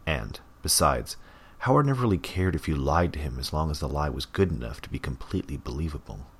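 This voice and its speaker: A man narrating an audiobook in a measured, even way. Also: rumbling low, breathy edge.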